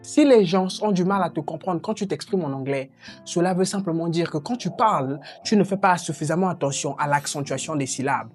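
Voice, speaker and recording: A woman's voice: lowish voice, a little fast, faint music behind. A woman teaching English pronunciation online, talking directly and encouragingly to the viewer.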